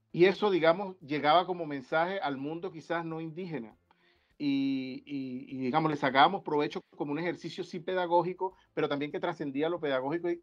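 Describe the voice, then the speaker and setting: Man on a muffled video call. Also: fairly high pitch. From Venezuela. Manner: halting, with many restarts and fillers. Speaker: guest researcher. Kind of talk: academic video-call panel talk. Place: indoor room. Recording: dull lo-fi video-call audio.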